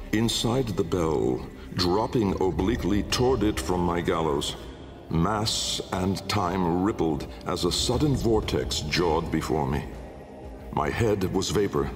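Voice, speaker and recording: With awe and a sense of menace, a male actor delivers the memoir of a haunted, brooding older aristocratic inventor in a game. His low-pitched, gravelly character voice is grandiloquent and deliberate, pausing for weight, and the theatrical narration echoes with long cavernous reverb over music.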